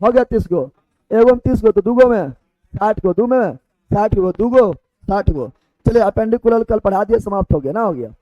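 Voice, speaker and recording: High-pitched teacher guy, keeps repeating questions back at the class, dry lo-fi sound. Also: lively intonation, normal speed, no echo. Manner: drills terms by repeated question and answer. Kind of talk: call-and-response classroom lesson. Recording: dry, dull lo-fi recording.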